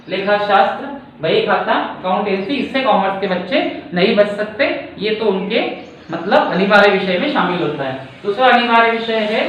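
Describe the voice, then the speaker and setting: A male teacher from India explaining a lesson slowly, using everyday examples and often checking in with his students. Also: high voice, fairly bright tone. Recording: echoey room, distant mic, faint noise.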